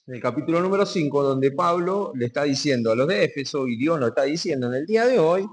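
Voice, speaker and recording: An Argentine pastor with a Rioplatense Spanish accent and a medium-pitched voice preaches to his congregation in a community hall, asking them questions. He reads verses slowly and with emphasis, then explains key words, and the recording has long hall reverb.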